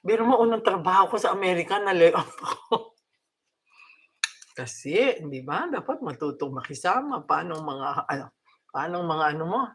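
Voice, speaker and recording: A woman's voice: fairly low pitch, very animated, moderate pace, background noise. An older woman with a Filipino accent, chatting casually to her viewers at home, laughing often and mixing in English. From Philippines. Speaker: vlogger.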